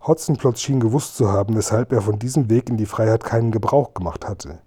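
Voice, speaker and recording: A man narrating a children's storybook in a steady storytelling cadence. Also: fairly low pitch, fairly quick, husky. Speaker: audiobook narrator.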